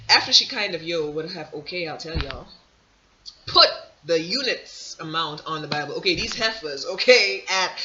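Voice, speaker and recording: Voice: medium pitch, bright, forceful tone. A vlogger talking in a rambling, digressive casual monologue, full of restarts, slang and emphatic "let me break it down" asides. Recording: dull lo-fi audio.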